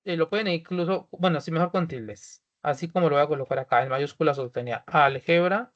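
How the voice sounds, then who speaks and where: A man's voice: fairly high pitch, brisk, dull audio. A male teacher from Colombia walking students through a form in an online class, repeating each step and checking that everyone is ready.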